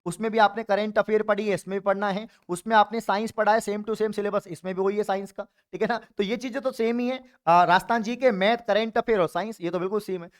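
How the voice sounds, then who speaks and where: A man's voice: high-pitched, fairly even intonation, quick pace, few pauses. A man from Rajasthan, a coaching teacher giving an exam update online and encouraging his viewers, whom he calls friends and brothers. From Rajasthan, India. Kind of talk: YouTube exam update talk.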